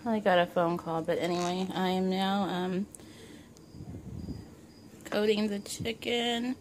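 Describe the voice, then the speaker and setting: A woman chatting casually in her home kitchen, rambling with lots of fillers and quick self-corrections as she cooks. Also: mid-range voice, fairly even intonation, slight background noise. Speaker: home cook vlogger. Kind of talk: casual home cooking vlog.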